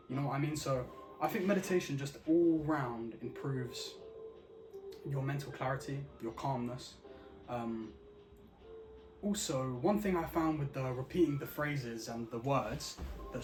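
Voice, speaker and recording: A man talking casually and earnestly about his own habits. He speaks slowly and deliberately, and he keeps checking in with the listener by asking if they know what he means. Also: medium pitch. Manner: earnest, repeats "you know what I mean"; slow, deliberate, enunciated delivery. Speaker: vlogger. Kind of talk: casual reflective monologue. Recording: roomy echo with music behind.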